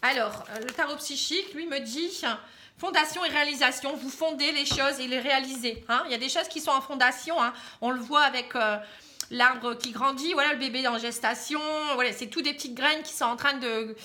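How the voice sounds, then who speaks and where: A woman from the Pas-de-Calais in northern France gives a chatty tarot reading to camera, reassuring and encouraging, tacking "hein" onto nearly every phrase. Her voice is high-pitched, a little fast, bright and pushed, with a northern French accent.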